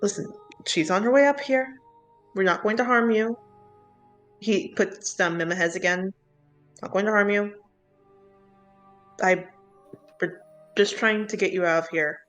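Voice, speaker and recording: A woman voicing an earnest male adventurer who speaks in a deliberately calm, soothing voice. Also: fairly low pitch, soft background music.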